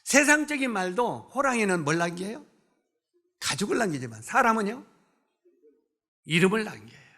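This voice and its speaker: A man's voice: high voice, big pitch swings, moderate pace, pauses often, pushed and bright. A man in his seventies preaching a sermon at a church service, talking conversationally, putting questions to the congregation and joking with members. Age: 70s. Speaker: pastor.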